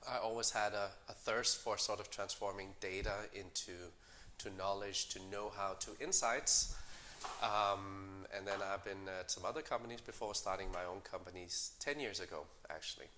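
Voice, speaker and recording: A middle-aged company co-founder from Denmark answers interview questions in a measured way, with many fillers and restarts. His voice sits low and his tone stays steady.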